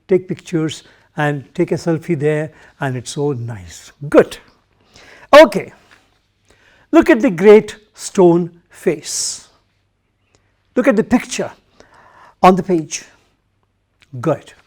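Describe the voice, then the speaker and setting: A male English teacher with an Indian English accent, giving a recorded lesson to schoolchildren, slow and repetitive, speaking to the pupils directly. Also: high voice, darkish tone.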